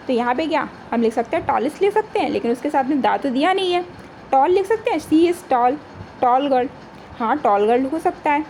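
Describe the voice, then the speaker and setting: A woman teaching an exam-prep grammar lesson. She asks questions and answers them herself, and reads example sentences slowly. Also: high voice, a little mellow, a little hiss or hum, low-quality recording.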